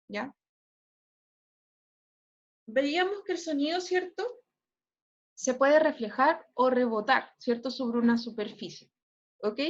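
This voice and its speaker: A woman teacher with a Chilean accent explains physics in an online lesson. Her voice sits high, and she keeps tagging her sentences with quick check-in questions. The sound is dull and muffled, like a video call. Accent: Chilean Spanish. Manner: repeats "¿cierto?" and "¿ya?" as checks. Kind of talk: online class lecture.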